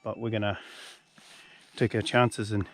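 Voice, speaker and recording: A man's voice: on the low side, level tone, a little slow, a bit bright, no room sound. A man with a broad New Zealand accent talks as the host of a hunting vlog, in a laid-back, slangy, matey way. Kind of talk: casual outdoor vlog talk and narration. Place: outdoors in a mountain valley.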